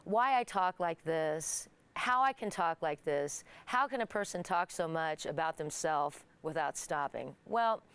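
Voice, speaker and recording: Middle-aged Midwestern woman host, low-ish smooth voice, careful clear delivery. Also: animated, a bit bright. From Kansas, United States. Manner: clear, deliberate speech for learners. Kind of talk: monologue to camera.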